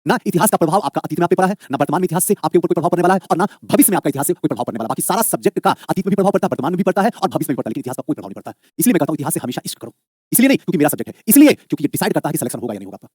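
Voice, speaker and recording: A man with a husky, fairly high voice teaches history in a live online exam-prep session. He moves fast and lively, coaxing his students, addressing them as "babu," and answering his own repeated questions. Studio quality, no room sound.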